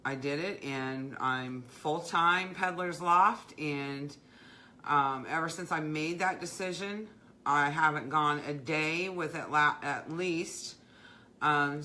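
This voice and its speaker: Low-voiced woman chatting on a craft livestream. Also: slow pace, bright, forceful tone, slight background noise. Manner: heartfelt, rambling, many fillers and restarts. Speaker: craft business owner, livestream host. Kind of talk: casual live-stream chat.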